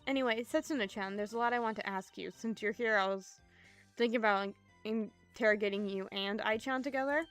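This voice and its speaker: A woman's voice: a little high, fairly quick, faint music behind, natural voice. Woman reading a polite young heroine.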